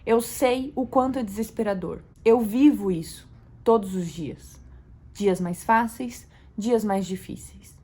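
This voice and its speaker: Brazilian mom vlogging to camera, soft and calm, gets earnest sometimes, middle pitch. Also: female voice, measured pace, slightly rough. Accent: Brazilian Portuguese. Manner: calm and soft-spoken, rising to earnest emphasis. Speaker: mother vlogger. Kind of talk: reflective talk to camera.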